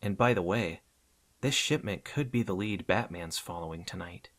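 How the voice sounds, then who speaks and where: A man's voice: sits low, normal speed. A man voicing Robin, a cocky young male sidekick, in an audiobook reading, defiant and wisecracking. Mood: planning. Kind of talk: audiobook character voice.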